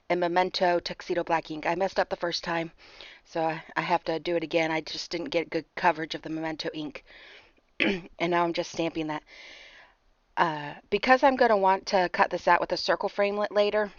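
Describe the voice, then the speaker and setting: A woman narrating a card-making tutorial over her footage in a chatty way. She sounds a bit hoarse, clears her throat, and talks through each step with fillers and apologies. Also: on the low side, steady tone, normal speed, dry recording, highs cut off.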